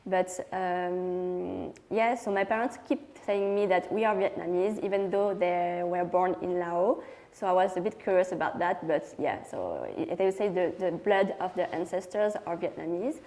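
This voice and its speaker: A young woman from France with a French accent, answering interview questions and searching for words with many pauses. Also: lowish voice, steady tone, a little mellow, poor audio. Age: young adult. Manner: hesitant, many fillers and restarts. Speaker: fashion designer.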